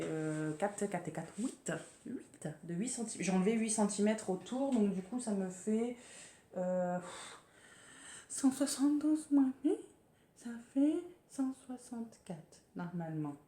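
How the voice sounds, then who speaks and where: Her medium-pitched, mellow voice has lively intonation and a slightly slow pace. A French sewing vlogger, she chats about her projects on a casual podcast, hesitant and restarting often amid many fillers. The recording has an echoey room sound with faint ambience.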